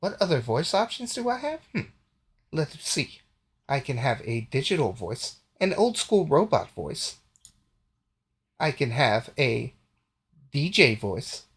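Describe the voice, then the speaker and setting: A man's voice: medium pitch, very animated, slow, pauses often, a bit bright, slightly rough, exaggerated voice. A man voicing a polite male ship computer AI in a tabletop roleplay, talking in a formal, helpful way.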